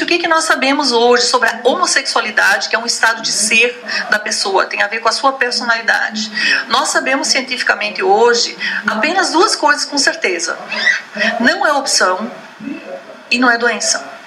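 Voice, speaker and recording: A woman from Brazil, a guest in a radio debate, explaining her points in a measured, lecturing way with frequent tag questions. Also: a little high, pushed and bright, rough recording. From Rio Grande do Sul, Brazil. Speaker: invited expert on a radio debate. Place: radio studio.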